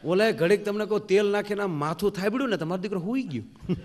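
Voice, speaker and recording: A man's voice: sits high, fast talker. A man, a folk comedian, telling jokes on stage and acting out the characters. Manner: animated, acts out characters, big loud swings. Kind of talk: live stand-up storytelling.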